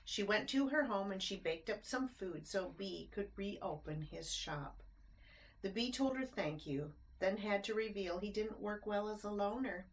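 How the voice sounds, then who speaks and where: Reading aloud from a rhyming picture book, this woman performs expressively for children, adding conversational asides and simple questions as she goes. She has a mid-range voice and speaks a little slowly. The recording is rough, carrying a faint hiss or hum.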